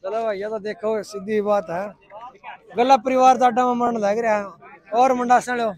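A man's voice: high voice, steady tone, darkish tone. A young man interviewing people in the street outdoors with a handheld mic, friendly and teasing. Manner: friendly, teasing, quick back-and-forth. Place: outdoors by a crowded stadium ground. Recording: crowd noise behind.

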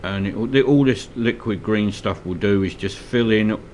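With slight background noise, a man of fairly low pitch talks at a measured pace through a casual miniature painting tutorial at his hobby desk. He's Scottish and has a slight cold. Relaxed but hesitant, he uses many ums and uhs.

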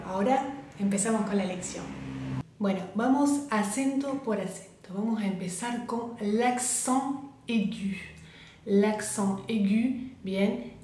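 A woman teaching a French lesson online, patiently repeating words slowly for learners. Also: mid-range voice, dark tone, a little hiss or hum. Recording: very echoey room.

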